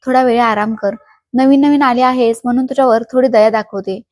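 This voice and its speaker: A stern young woman giving curt, bossy orders, as a woman storyteller puts her on. The voice is fairly high with a mellow, soft tone. It is close and dry. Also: fairly even intonation, a little fast, no room sound, close to an everyday voice.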